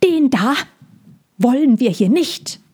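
A woman's voice: high voice, expressive, takes it slowly, darkish tone, husky, voice pushed up, exaggerated voice. A woman reading a storybook and voicing a stern, territorial male bird who hisses and scolds. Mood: hostile. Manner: hissing, scolding.

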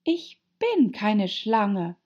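A woman's voice: on the high side, very animated, a little slow, creaky, warm tone, breathy edge, pitched above the performer's own voice, full character voice. A woman voicing a bewildered, indignant little girl, on a dull lo-fi recording. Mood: earnest, flustered. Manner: indignant, truthful.

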